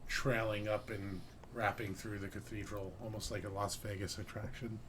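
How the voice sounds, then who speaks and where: A man with a lowish voice narrates as game master of a tabletop role-playing game. He describes each scene in a loose, rambling way, full of "like" and "um". A faint hiss sits under the recording. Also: flat delivery, normal speed.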